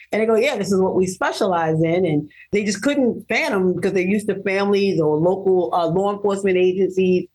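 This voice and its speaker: A woman in her fifties, from Maryland, recounts her life as an interview guest. Her medium-pitched voice is earnest and animated, and she laughs easily between points. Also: slightly rough, poor audio. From Baltimore, Maryland, US. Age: 50s. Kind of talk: personal storytelling in an interview.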